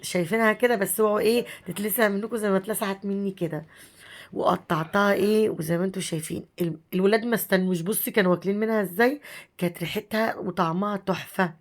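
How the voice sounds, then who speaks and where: A home cooking vlogger in her thirties, with an Egyptian Arabic accent and a voice hoarse from a cold, narrates a recipe casually and very fast. Her mid-range voice holds a steady tone as she chats warmly and affectionately, calling viewers "sister."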